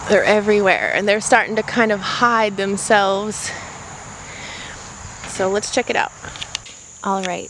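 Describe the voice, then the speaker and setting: Working outdoors, a middle-aged woman who vlogs about gardening shows off her backyard in a casual, cheerful way, chatting straight to her handheld camera. She speaks at a medium pitch. Its built-in mic yields a low-quality recording with slight background noise, plus faint crickets and insects.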